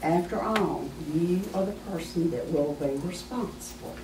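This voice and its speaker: A woman presenting to an audience as a small business adviser, folksy and emphatic, her voice hoarse as she keeps clearing her throat. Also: fairly low pitch, normal speed, background noise. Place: meeting room with an audience. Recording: echoey room from far off.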